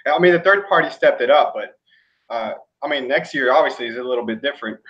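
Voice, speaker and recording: A man co-hosting a casual gaming livestream over a laptop mic, blunt and quick to laugh. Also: medium pitch. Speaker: podcast co-host. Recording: dull lo-fi laptop audio.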